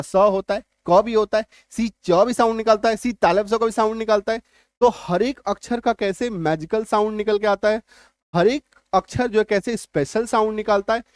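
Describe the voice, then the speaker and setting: A man's voice: high voice, no echo, clean studio sound. A man teaching English spelling in a spelling lesson. He spells words out letter by letter, repeats points and keeps asking if his students understand.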